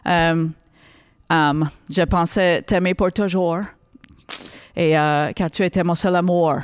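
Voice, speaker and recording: A woman's voice: low voice, level tone, clean tone, no echo, clean studio sound, pitched below the performer's own voice. Woman doing a mock English-accented poem recital. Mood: mock solemn. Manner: halting and drawn out, with hesitations.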